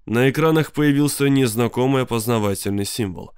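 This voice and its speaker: A man reading an audiobook in measured scripted narration. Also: medium pitch, clear, resonant tone, no echo, clean studio sound. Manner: measured storytelling.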